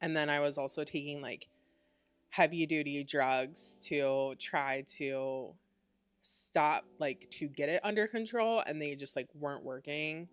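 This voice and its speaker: A woman's voice: low voice, no echo. A woman hosting a live stream in casual, rambling chat, sounding congested and nasal. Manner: chatty and rambling, many "like"s. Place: at home at a computer.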